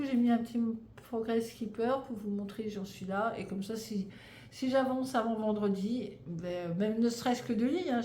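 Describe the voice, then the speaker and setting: French woman, 30s, casual knitting vlogger, rambling and stumbling, mellow tone, echoey room. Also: a little high. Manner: rambling, stumbling, frequent fillers and restarts. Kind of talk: casual chat. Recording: echoey room, faint background noise.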